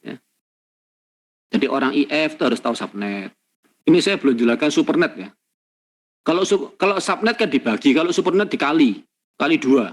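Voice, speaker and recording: A man's voice: on the high side, animated, fairly quick, pauses often. A man giving a university lecture, emphatic and repetitive, with many rhetorical tag questions. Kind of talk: classroom lecture.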